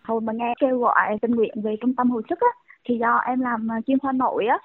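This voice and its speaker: A woman doctor in her thirties calls in and answers earnestly, in a chatty way with lots of small fillers. Her fairly high voice comes through a tinny, dry phone line. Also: steady tone, quick pace, no room sound. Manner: earnest, conversational, many fillers. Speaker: young doctor guest. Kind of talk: phone interview. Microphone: telephone.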